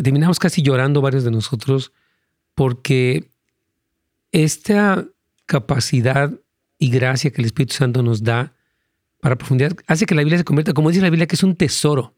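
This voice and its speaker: A man's voice: medium pitch, darkish tone, no room sound, studio quality. A man, a pastor, earnestly answering callers' Bible questions, rambling with many fillers.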